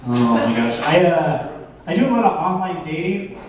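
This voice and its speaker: A man in his thirties doing a stand-up set on a bar stage, self-deprecating and halting, with lots of fillers. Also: on the high side, big pitch swings, far from the mic. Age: 30s. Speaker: stand-up comedian. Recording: roomy bar, from afar, faint crowd noise.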